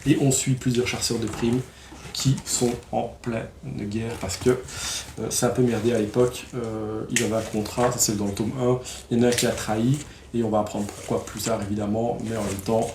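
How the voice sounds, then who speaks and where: A man's voice: on the low side, roomy sound, background noise. A man casually reviewing new comic releases, enthusiastic and slangy, with lots of fillers and restarts.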